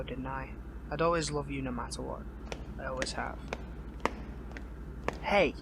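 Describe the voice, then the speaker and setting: A man acts the part of an earnest, lovesick young hero held captive in a dramatic audio roleplay, his voice fairly high for a male. He stammers and pleads breathily while torn between loyalties, with light acting that moves from worried and tender to guarded and reflective. Noticeable background noise runs under the recording.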